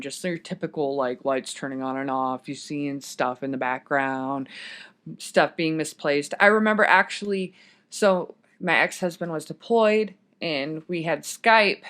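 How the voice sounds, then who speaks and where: A woman's voice: low voice, a bit bright. Woman on a podcast rambling thru her story, keeps going off on tangents. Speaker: podcast guest. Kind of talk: casual storytelling. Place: podcast studio.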